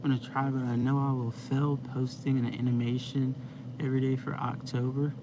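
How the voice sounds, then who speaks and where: With noisy vehicle sounds around him, a young man runs a casual live stream from his van, rambling laid-back chat to viewers with many fillers. His medium-pitched voice has little pitch movement and a brisk pace.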